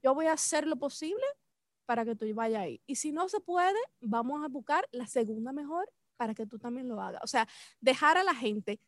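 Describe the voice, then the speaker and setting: A woman's voice: high-pitched, moderate pace, no echo, studio quality. A woman with a Dominican Spanish accent chatting casually and affectionately, acting out dialogue and dropping English into her Spanish. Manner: mixes English into Spanish (Spanglish); animated, acts out quoted dialogue, affectionate address. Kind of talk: casual chat.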